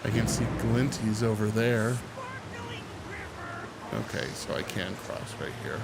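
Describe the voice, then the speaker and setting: Still recovering from a cold, this man streams a game, sniffling, muttering to himself, and yelping when something scares him. His lowish voice has lively intonation and vocal fry at a slightly slow pace. Heavy hiss covers the recording.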